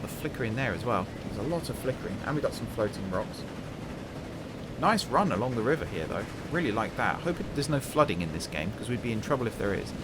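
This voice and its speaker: A man hosts a gaming channel in a fairly low voice gone croaky from a long day of talking. He chats casually over his gameplay, thinking aloud with self-deprecating humour, and the recording is very noisy, with background music.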